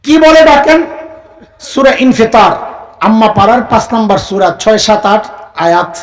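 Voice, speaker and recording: A man with a high voice delivers a sermon in a plain, everyday way. He keeps asking the listeners to call answers back to him. Now and then he raises his voice to a shout to drive a point home. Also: expressive, measured pace, poor audio. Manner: call-and-response, has the crowd repeat phrases; rises to shouting for emphasis. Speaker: preacher. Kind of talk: Islamic sermon to a live audience.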